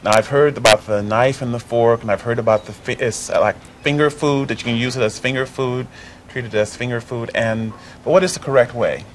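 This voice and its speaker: A man's voice: medium pitch, steady tone, fairly quick. A man with a mid-range voice hosts a local TV program in an easygoing, friendly way. He chats casually with his guests and laughs readily. A faint hiss sits under the recording. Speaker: host. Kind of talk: casual TV interview.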